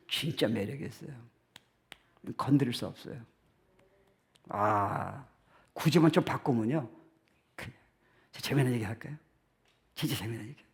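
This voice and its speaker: A male pastor giving a lively sermon, laughing often, acting out voices and dropping in English phrases. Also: medium pitch. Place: church sanctuary.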